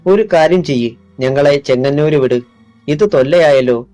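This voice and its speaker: A man voicing a weary middle-aged father on the run, talking low and tired, gentle with his son. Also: normal speed, dry recording, faint music behind, natural voice.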